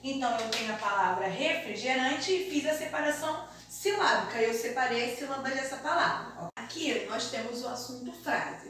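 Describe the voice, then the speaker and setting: High-voiced Brazilian teacher in an echoey room. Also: female voice, fairly bright tone. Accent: Brazilian Portuguese. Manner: slow, deliberate, sing-song explaining to young children. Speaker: primary school teacher. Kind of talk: remote primary school lesson. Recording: very echoey room, mic far off, faint hiss.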